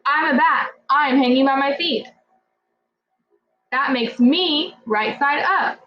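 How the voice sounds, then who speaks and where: A woman voicing a peculiar, self-assured bat, loud and matter-of-fact, in a storybook. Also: high-pitched, takes it slowly, reverberant, voice pushed up. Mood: knowing, assured. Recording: muffled audio with music.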